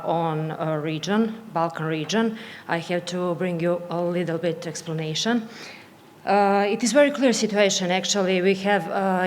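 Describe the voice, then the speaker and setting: Speaking in a lowish voice, a Serbian-accented patient advocate nervously gives a conference presentation in non-native English, her delivery halting. She addresses an audience in a conference hall that echoes, with background noise plainly heard.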